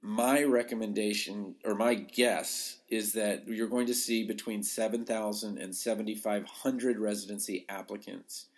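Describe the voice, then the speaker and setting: Unhurried and steady, with few pauses, this man's voice sits on the low side. He's a podcast host and coach offering casual, emphatic advice to listeners and acting out brief quotes.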